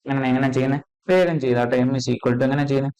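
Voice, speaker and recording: A man teaching an exam-prep physics lesson, checking in constantly with quick questions and repeating key terms. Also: medium pitch, a little mellow, rough recording.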